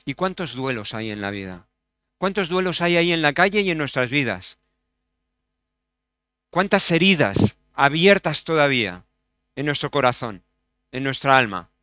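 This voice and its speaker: A man with a Spain Spanish accent preaching a sermon as pastor, swinging from loud exclamations to hushed storytelling and asking many rhetorical questions. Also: mid-range voice, very animated, normal speed, long pauses, no room sound, clean studio sound.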